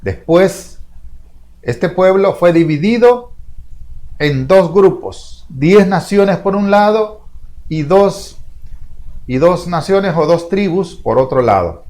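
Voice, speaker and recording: A middle-aged male pastor giving a sermon, speaking deliberately, repeating phrases and asking the congregation rhetorical questions. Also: on the high side, a little mellow.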